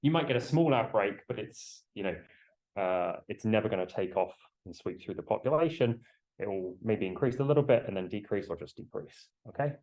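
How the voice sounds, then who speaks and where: A man lecturing to a class through a face mask while he has a cold, explaining in a halting way and putting questions to students. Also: on the low side, animated, a little mellow, low-quality recording.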